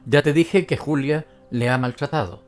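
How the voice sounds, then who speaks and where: Un hombre que lee a un marido manso y tranquilo. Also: male voice, a little high, normal speed, faint music behind, close to an everyday voice. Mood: meek. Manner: quiet, apologetic, restrained. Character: meek, calm, mild-mannered husband. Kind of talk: audiobook character reading.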